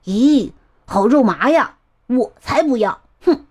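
A woman's voice: fairly high pitch, lively intonation, slow pace. A woman voicing a mischievous, grabby little boy in a read-aloud storybook. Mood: cheeky. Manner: bratty, loud. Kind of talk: storybook reading.

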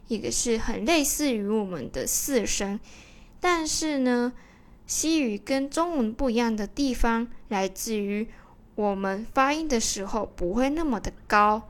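A friendly woman leads a casual online lesson, her voice pitched a little high. She talks in a chatty way and softens her lines with little particles. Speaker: Spanish pronunciation teacher.

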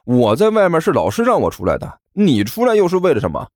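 A man's voice: on the high side, wildly swooping pitch, fast, a little mellow, dry recording, clean studio sound, pitched above the performer's own voice. A man voicing a chubby, cheeky schoolboy who talks in a sly, teasing, sing-song way. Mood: bickering.

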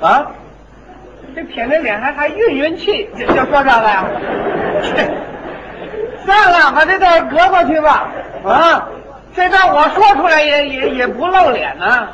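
A man performing crosstalk comedy, firing back quick-witted, mock-indignant retorts at his partner. He is heard on an old live recording. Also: very high voice, expressive, crowd noise. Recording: dull old live recording with audience and hiss.

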